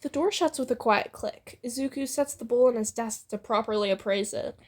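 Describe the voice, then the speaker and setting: As co-host, a woman reads fan fiction aloud in a playful narration, happily breaking off to joke and giggle. Her voice is a little high and fairly quick.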